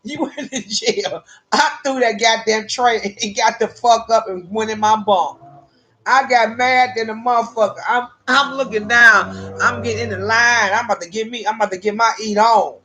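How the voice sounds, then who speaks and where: A woman's voice: on the high side, normal speed, faint music behind. A woman casually telling a personal story, profane and laughing often between lines. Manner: animated, with vernacular grammar.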